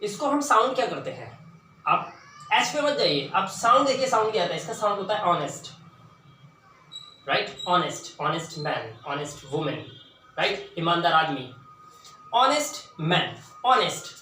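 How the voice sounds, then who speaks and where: A man with a high, bright voice teaches grammar in a classroom style, asking questions and repeating words slowly for emphasis. He sounds far from the mic in a very echoey room, with a faint hiss underneath. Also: expressive.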